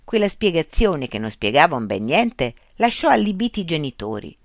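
A narrator reading a fairy tale aloud in an expressive, animated storytelling manner. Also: mid-range voice, normal speed, no room sound, studio quality.

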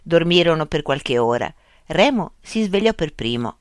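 Lively storyteller reading a children's tale. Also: mid-range voice, moderate pace, no room sound, clean studio sound. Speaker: narrator.

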